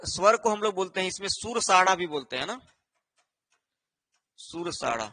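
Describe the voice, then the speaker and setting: A male teacher giving an online exam-prep lesson, explaining slowly while writing on a board and checking in with a repeated "isn't it" after each point. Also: sits high, bright, forceful tone. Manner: repetitive, with a constant rhetorical "है ना" and "ठीक है".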